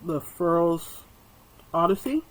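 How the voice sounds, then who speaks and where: A man's voice: a little high, animated, takes it slowly, poor audio. A man chatting casually while he crochets and reviews hooks on camera, rambling and muttering asides to himself.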